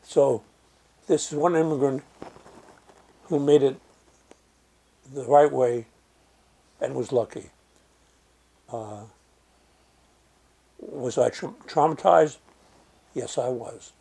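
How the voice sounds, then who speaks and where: An older German man reflects slowly in an oral history interview, pausing often and using fillers. His mid-range voice is creaky, husky and warm.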